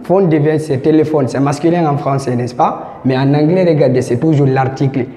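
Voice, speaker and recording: A man teaching a grammar lesson in a fairly high, dark and mellow voice. He explains patiently and keeps repeating the key points. The voice rings with a long, echoey reverb. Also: fairly quick. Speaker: English teacher.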